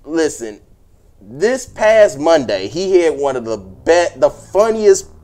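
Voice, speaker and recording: A man's voice: a little high, very animated, slow pace, darkish tone. A man talking sports casually as a podcast panelist, emphatic and repeating phrases for weight.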